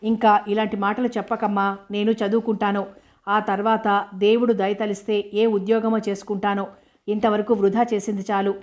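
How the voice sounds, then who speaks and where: A woman's voice: mid-range voice, flat delivery, normal speed, a little mellow, lightly acted. A woman reading as a defiant young widow. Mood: resolute. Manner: angry, accusing outburst. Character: young widowed woman defying her harsh father.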